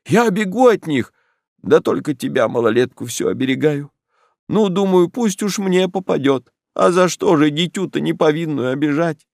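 Man playing a shrill old village woman from a storybook, mumbling and grumbling, dry close sound. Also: expressive, moderate pace, creaky, a little mellow, dry recording. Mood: lamenting. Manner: mumbling, lamenting and scolding. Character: old peasant woman, grumbling, hard of hearing. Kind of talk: audiobook narration.

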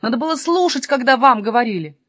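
A woman's voice: on the high side, expressive, fast, no room sound, studio quality, pitched above the performer's own voice. A woman voicing a whiny young male robber, plaintive and complaining. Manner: whining, plaintive. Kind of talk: storybook reading.

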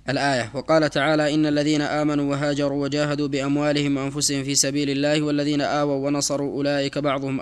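A man reads a classical text aloud to his teacher at a fast clip. His delivery stays flat and even, with small slips he corrects as he goes. The voice is clear and smooth. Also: medium pitch. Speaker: student reading the text aloud.

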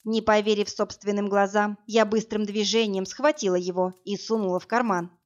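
A woman reading a first-person story aloud as narrator, in a steady, even storytelling manner. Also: mid-range voice, moderate pace. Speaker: audiobook narrator. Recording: dull lo-fi audiobook, faint music.

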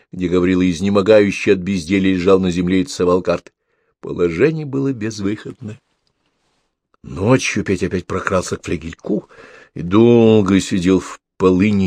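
A man reading an audiobook as narrator, expressive and storytelling. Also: sits low, no room sound, clean studio sound. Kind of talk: scripted narration.

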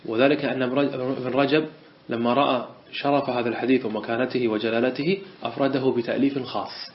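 A sheikh giving a religious lesson, reading a text aloud and then explaining it with an even, hesitant delivery. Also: male voice, medium pitch, fast talker. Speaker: sheikh teaching a hadith collection. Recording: dull lo-fi recording with faint hiss.

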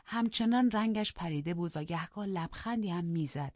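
An audiobook narrator telling a novel in the first person, in a measured storytelling manner that drops to a hush at times. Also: medium pitch, dry recording. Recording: dull lo-fi audiobook recording.

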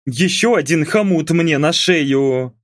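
A shrill, scolding middle-aged mother from an audiobook, quick to take offence, as a male narrator puts her on. Her voice jumps well above the reader's own, yet the delivery stays unhurried. The recording is dry and close. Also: lively intonation, no room sound. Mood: indignant. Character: nagging, excitable middle-aged Moscow mother.

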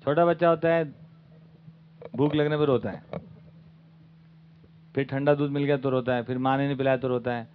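A man's voice: medium pitch, fairly even intonation, moderate pace, pauses often, slight background noise. A man giving an informal talk as the teacher of a study camp, often asking his audience rhetorical questions. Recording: phone-like lo-fi recording.

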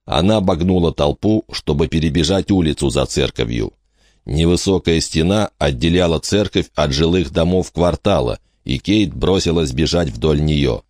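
A man narrating an audiobook in a dramatic, measured reading style. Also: a bass voice, darkish tone, dry recording, studio quality. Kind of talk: scripted narration.

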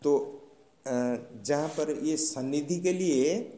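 A man gives a classroom lecture, explaining slowly and patiently in a warm, dark voice. He keeps checking that his students follow along. The recording has a roomy echo from the hall around him. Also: a little high. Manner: slow, patient explaining with frequent checking questions. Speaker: teacher. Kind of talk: classroom lecture on Sanskrit grammar. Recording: roomy echoing room sound.

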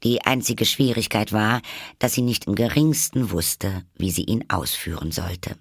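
A man reading a storybook aloud in a lively, expressive way. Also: on the low side, unhurried, no room sound, studio quality. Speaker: audiobook reader. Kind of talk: storybook narration.

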